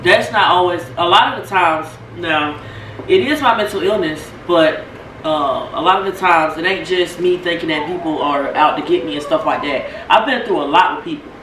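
A woman's voice: fairly low pitch, normal speed, fairly bright tone. A woman co-hosting a casual vlog chat, talking openly and rambling about herself. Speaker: co-host. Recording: roomy echo, distant mic, background noise.

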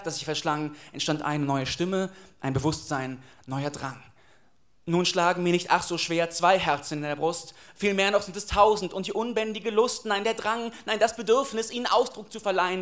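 A man performing rhymed spoken-word poetry on a live slam stage, with a dramatic, rhythmic delivery. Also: sits high. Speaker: slam poet.

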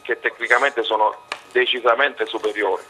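A man calling a football phone-in with his voice giving out, hoarse, halting and repeating himself as he gives his opinions. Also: medium pitch, fairly even intonation, bright, forceful tone, slight background noise. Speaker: phone-in caller, football fan. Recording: muffled, band-limited phone line.

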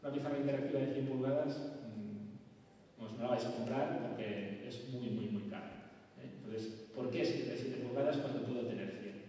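A man with a Spain Spanish accent gives a lively talk from a stage, throwing questions out to the audience. His mellow voice carries from far off through a big hall with a long, echoing reverb and faint room noise. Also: medium pitch, normal speed. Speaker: conference speaker. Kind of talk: conference presentation. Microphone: far camera, room mic.

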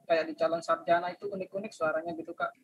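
A man asks a question hesitantly from home over a laptop call, filling his speech with pauses and filler words. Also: fairly high pitch, level tone, breathy edge. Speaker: audience member asking a question.

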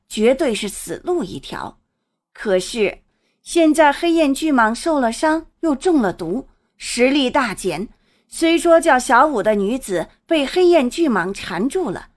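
Woman telling a long fantasy story, pretty high pitched, super animated delivery. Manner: lively storytelling, swings pitch with the action. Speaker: audiobook narrator. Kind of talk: serialized storybook narration.

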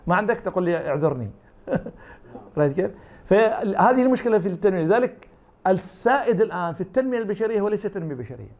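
A man's voice: high-pitched, lively intonation, rapid-fire, lo-fi sound. A man from Iraq with an Iraqi Arabic accent, giving interview answers as an academic guest, arguing his point through imagined back-and-forth dialogues. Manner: argumentative, uses imagined dialogues.

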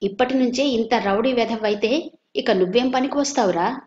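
A woman's voice: on the high side, moderate pace, darkish tone, lightly acted. A woman voicing a stern, short-tempered middle-aged uncle who scolds harshly, in a storybook reading. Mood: scolding. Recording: dull lo-fi recording.

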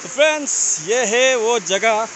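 A young man from Assam chatting to viewers as a travel vlogger, filming himself on a phone at arm's length outdoors by a waterfall. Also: very high-pitched. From Assam, India. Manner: friendly, addresses viewers as friends. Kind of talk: casual travel vlog. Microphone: phone held at arm's length. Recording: loud rushing water and outdoor noise. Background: waterfall and stream.

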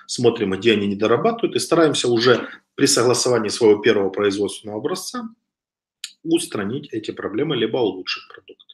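Speaking fast and expressively in a mid-range voice, this online business instructor, a man in his thirties, lectures over slides on a webcam. He's conversational, hesitating and restarting often, and coughs slightly from a cold. The room, a home space with wooden shelves, sounds echoey.

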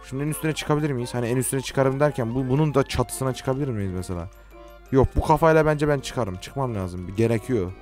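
A teenage man from Turkey giving casual, joking gameplay commentary, talking to game characters and swinging from quiet mutters to sudden shouts. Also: medium pitch, brisk, faint music behind. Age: late teens. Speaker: gaming YouTuber.

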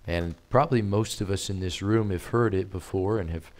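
Deep-voiced man preaching, halting. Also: darkish tone. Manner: hesitant, many fillers and restarts; plain conversational preaching. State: strained voice. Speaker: missionary preacher. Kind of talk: sermon.

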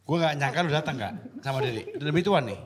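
A middle-aged man hosting a casual, joking chat, teasing his guests with loud banter. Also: mid-range voice, expressive, brisk, a loud crowd. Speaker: show host.

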